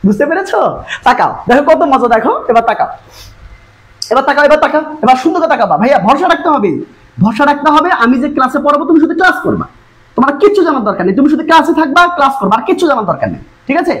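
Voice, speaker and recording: Woman tutor, exam-prep lesson, rapid and coaxing, high voice. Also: very animated, poor audio. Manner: fast, coaxing, repeatedly urging students to look. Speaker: English tutor.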